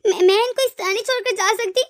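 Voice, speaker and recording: Speaking quickly at an extremely high pitch, a woman voices a cartoon character: an emotional young wife and devoted daughter who keeps stammering over her words.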